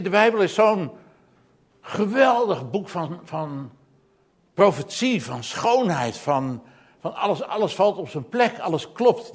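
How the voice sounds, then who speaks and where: A man preaching a sermon, earnest and emphatic, often repeating words as he goes. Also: on the high side.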